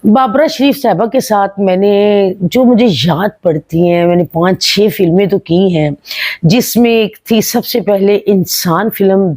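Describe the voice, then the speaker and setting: An older woman reminisces to camera in a lively, storytelling way, slipping into imitations of others. Her voice is mellow and warm, recorded close and dry with no room sound. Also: medium pitch, no echo. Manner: lively storyteller who mimics other people. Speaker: film actress.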